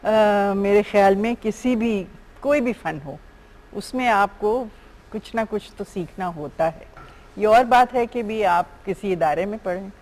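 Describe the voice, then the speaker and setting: A woman's voice: mid-range voice, low-quality recording. A woman in her seventies with a Pakistani Urdu accent, a guest speaking thoughtfully and measuredly about teaching art. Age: 70s. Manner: thoughtful, measured, with soft fillers. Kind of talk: TV talk show interview.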